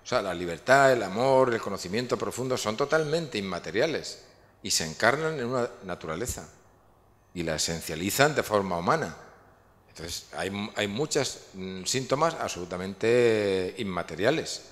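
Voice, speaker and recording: A man's voice: on the low side, expressive, normal speed, fairly bright tone. A man giving a public lecture, rambling and restarting often as he explains his ideas. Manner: rambling, many restarts and fillers. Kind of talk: public lecture with audience questions. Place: large lecture hall. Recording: long hall reverb.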